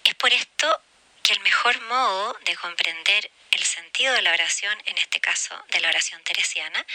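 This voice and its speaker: A woman giving an earnest spiritual reflection, often dropping into gentle whispered phrases. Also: mid-range voice, dry recording, poor audio.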